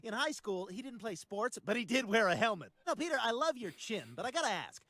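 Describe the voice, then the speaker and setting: A wisecracking cartoon guy at a roast, firing off mocking punchlines. His voice is high and lively, and the sound is dry and close. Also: fairly quick, dry recording, full character voice.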